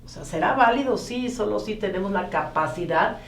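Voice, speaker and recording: A woman moderating a political panel discussion in a measured, steering way. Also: mid-range voice, expressive, slight background noise. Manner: measured, steering the talk, frequent backchannel. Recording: roomy echo, a bit far from the mic.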